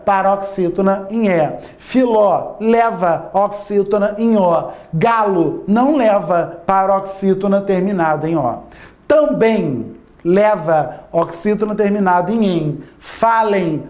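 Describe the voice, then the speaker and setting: A man's voice: sits high, slow pace, darkish tone. A man teaching a Portuguese grammar lesson, constantly asking his listeners rhetorical yes-or-no questions and stretching out key words for emphasis.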